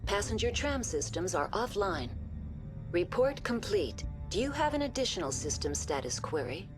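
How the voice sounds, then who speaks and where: Over background music, a woman with a natural, medium-pitched, very animated voice speaks at a moderate pace. In scripted video game dialogue, she plays a polite, emotionless female AI that runs a research station, delivering formal system announcements in a calm, impassive way.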